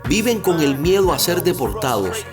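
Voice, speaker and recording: A man's voice: a little high, sing-song, moderate pace. A man narrating a documentary in a grave, accusatory scripted tone. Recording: music under the voice.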